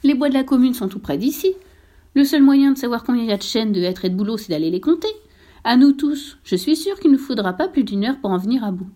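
A woman doing a prim, sharp-tongued little hen. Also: a little high, expressive, fast, pitched above the performer's own voice. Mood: curt, haughty. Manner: curt and haughty.

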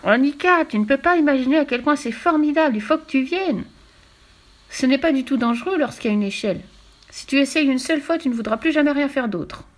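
A woman's voice: fairly high pitch, fast talker, hardly any pauses, pitched above the performer's own voice, natural voice. A woman voicing an eager, adventurous young boy in a storybook reading. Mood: excited. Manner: excited, insistent.

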